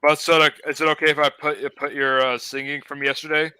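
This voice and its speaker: A man's voice: a little high, level tone, fairly quick, bright, forceful tone, clean tone, no room sound. A young man hosting a live-stream hangout, chatting in a laid-back, rambling way with lots of fillers. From Los Angeles area. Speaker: host. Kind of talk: casual live-stream chat.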